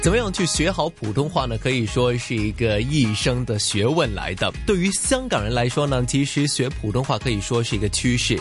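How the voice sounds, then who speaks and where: Brief: male radio host, lively intonation, soft music bed behind him. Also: medium pitch, brisk, few pauses. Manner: guiding questions, brief agreeing replies. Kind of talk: hosting an educational radio chat.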